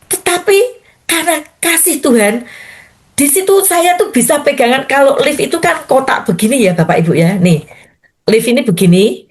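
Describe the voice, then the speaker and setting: A woman's voice: sits high, lively intonation, moderate pace. An older woman pastor, telling a personal testimony in a morning prayer sermon and often addressing her listeners directly. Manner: storytelling, addressing listeners as Bapak Ibu.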